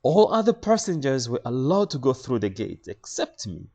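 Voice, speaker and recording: A man from Congo telling a comic travel story in a conversational, animated way with some fillers. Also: medium pitch, moderate pace.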